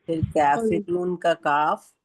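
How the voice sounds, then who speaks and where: Patient Pakistani woman teaching recitation. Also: lowish voice. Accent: Pakistani Urdu. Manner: patient, slow demonstrative recitation. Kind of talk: online class instruction.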